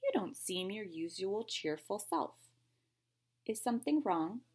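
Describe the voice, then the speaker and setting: Old porcupine uncle read by a woman, storybook character, husky, kindly, emphatic reassurance. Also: mid-range voice, animated, measured pace, a little mellow. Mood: concerned.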